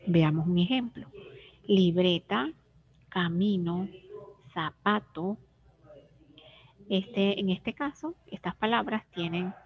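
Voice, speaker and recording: Woman teacher, slow and deliberate, precise diction for young kids, dull lo-fi sound. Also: medium pitch. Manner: clear, careful syllable-by-syllable pronunciation. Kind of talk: slow scripted reading lesson for children.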